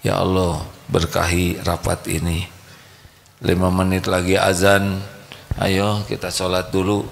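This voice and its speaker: A man's voice: sits low, monotone, a little slow, creaky, long pauses. A man preaching a sermon in a mosque, questioning the audience and acting out little dialogues.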